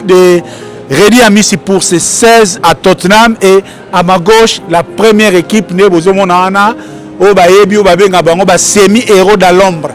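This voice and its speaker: A man's voice: high voice, fairly even intonation, normal speed. A man working as a reporter, running a chatty, playful street interview at a train station. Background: music.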